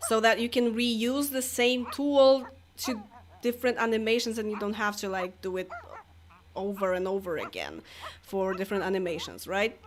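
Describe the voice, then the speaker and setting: A young Polish woman whose first language is Polish streams a life-simulation game, chatting casually, laughing often and talking to the game characters. Her voice is medium-pitched at a normal pace, and a little hiss or hum can be heard.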